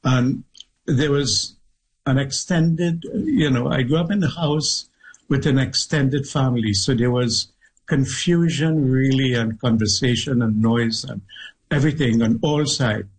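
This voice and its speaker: A middle-aged man from Trinidad with a Trinidadian accent, a guest author telling stories from his childhood in a measured, thoughtful way, with pauses and restarts. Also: mid-range voice, husky, rough recording. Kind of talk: reflective interview storytelling.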